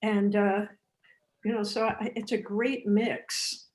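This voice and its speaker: An older woman on a video call, speaking hesitantly with halting starts. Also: mid-range voice, flat delivery. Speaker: club member. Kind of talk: casual remarks on a video call.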